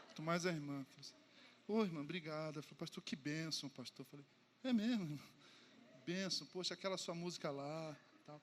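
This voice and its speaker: A man with a Brazilian Portuguese accent, a pastor preaching to his congregation with animated, self-mocking storytelling and acted-out dialogue. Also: a little high, slight background noise. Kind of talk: humorous sermon storytelling. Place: church service before a congregation.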